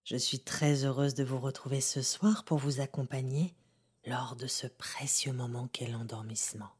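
A woman softly guiding a sleep meditation like a sleep story narrator, half-whispering in a calm, gentle, unhurried way. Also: very deep voice. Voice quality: soft, breathy, half-whispered. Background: music.

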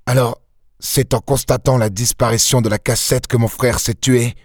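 A man's voice: mid-range voice, steady tone, moderate pace, no room sound, studio quality, close to an everyday voice. A man reading an audiobook and voicing a desperate, cornered safecracker who talks in a blunt, clipped, resentful way. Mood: bitter, defeated.

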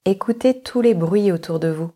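Calm and measured, a female yoga nidra instructor with a mid-range voice steers listeners through a relaxation meditation, pausing at length between instructions.

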